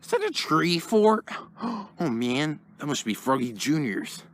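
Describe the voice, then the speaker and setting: Cocky mischievous plush toy, voiced by a man, bright, drawled. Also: a little high, big pitch swings, unhurried. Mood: boastful. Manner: boastful, giggling to himself. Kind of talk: plush toy puppet skit.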